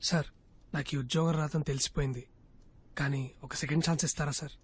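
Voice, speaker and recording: Give me a smooth-talking male job seeker who always has an answer. His voice sits high and he talks in a quick patter. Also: steady tone. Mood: earnest. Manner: glib, fast-talking, pleading. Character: cocky talkative young male job applicant. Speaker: job candidate at an interview. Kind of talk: dubbed film dialogue.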